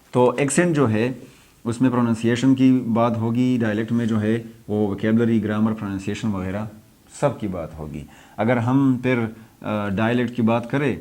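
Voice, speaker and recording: A man's voice: mid-range voice, mellow. A young adult man from Pakistan, an English lecturer explaining a lesson, repeating points and mixing in English terms.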